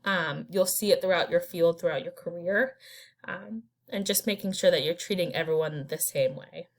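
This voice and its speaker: In this recorded slide lecture, the instructor is a woman whose fairly low voice keeps a moderate pace. She talks casually and without polish, dropping fillers and starting over between her points.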